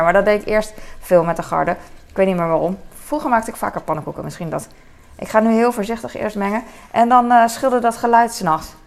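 A young woman chatting casually while cooking at home, rambling and laughing at herself, with many fillers and English phrases thrown in. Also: mid-range voice. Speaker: vlogger. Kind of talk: casual cooking vlog chat. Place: home kitchen.

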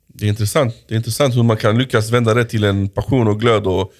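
A man hosting a podcast, asking probing questions in a relaxed conversational way. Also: lowish voice. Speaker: podcast host. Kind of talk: interview questions.

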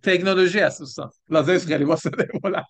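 A man leading a church Bible lesson, explaining step by step and often checking with the group. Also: a little high. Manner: explanatory, asks the group questions. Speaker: Bible teacher. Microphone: microphone for an online stream.

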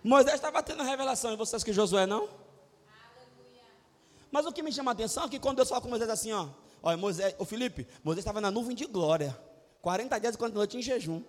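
A middle-aged man preaches a humorous, animated sermon. His voice sits very high, and he jumps into loud shouts and playful acted-out quotes. The long reverb of a church sanctuary surrounds every word. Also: fast talker. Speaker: pastor. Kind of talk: lively sermon.

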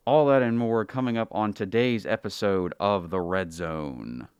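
Smooth, low-voiced man hosting sports radio. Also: a little slow, a little mellow, dry recording, dull audio. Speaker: college radio sports show host. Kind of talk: radio sports show announcing.

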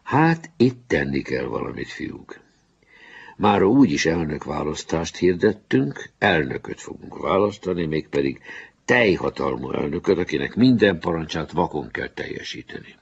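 A man's voice: a bass voice, sing-song, creaky, husky, highs cut off, heavily acted. A man voicing a fair-minded boy captain giving firm orders in a storybook reading. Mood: commanding. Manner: firm, commanding.

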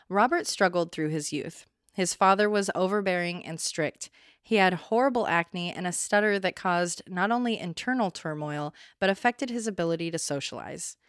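A woman's voice: lowish voice, dry recording, studio quality. A woman hosting a true crime podcast, reading a scripted account and breaking in with blunt, opinionated asides.

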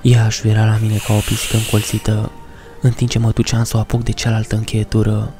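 A man narrating a first-person horror story in a measured, somber way. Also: lowish voice, completely flat delivery, over music.

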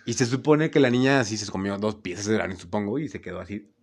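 A man's voice: on the low side, fast talker, noisy background. A young man with a Mexican accent telling funny stories in casual chat, laughing and acting out the voices. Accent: Mexican Spanish. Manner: animated, laughing, acts out voices in his stories.

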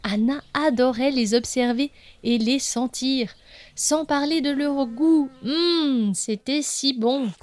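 Female storyteller, fairly high voice, dry close sound, gentle expressive reading for children. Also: takes it slowly, no echo.

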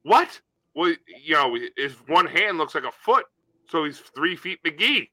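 A man's voice: a little high, big pitch swings, unhurried, sharp tone, dry recording. A man co-hosting a podcast, riffing in casual comedic banter and slipping into silly put-on voices. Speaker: podcast co-host.

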